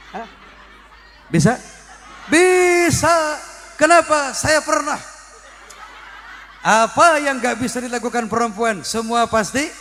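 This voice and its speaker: A man's voice: high voice, fairly bright tone. Male preacher, playful crowd-teasing delivery; faint music in the background. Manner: joking, teasing the audience with questions. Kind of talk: comic religious sermon to a crowd. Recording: reverberant hall, faint music.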